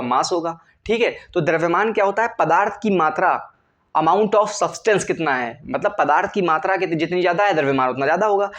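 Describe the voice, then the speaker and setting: A man's voice: high voice, a bit bright. A male chemistry teacher lecturing students in speech, often asking a question and answering it himself. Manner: asks and answers his own questions. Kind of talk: classroom lecture.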